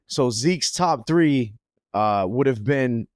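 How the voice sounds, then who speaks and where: A man's voice: medium pitch, animated, slow pace, darkish tone, no echo, clean studio sound. A young man co-hosting a podcast, telling a story in casual chat full of slang and restarts. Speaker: podcast co-host. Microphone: podcast mic.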